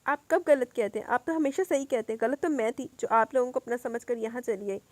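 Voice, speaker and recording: A woman's voice: fairly high pitch, no room sound, close to an everyday voice. A woman voicing a tearful pleading young heroine. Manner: crying, pleading.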